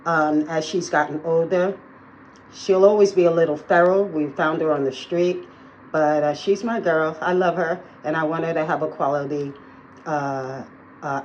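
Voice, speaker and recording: A woman's voice: low voice, darkish tone, highs cut off, slight background noise. A woman talking casually to her viewers in a day-in-the-life vlog, chatty and full of fillers, recorded on a handheld phone. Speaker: vlogger. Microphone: phone held in hand.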